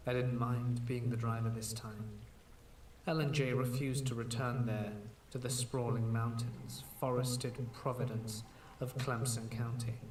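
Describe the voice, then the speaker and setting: A man narrating a scripted horror story in a measured, slow storytelling manner. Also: medium pitch, a little mellow. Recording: echoey room, distant mic, faint hiss.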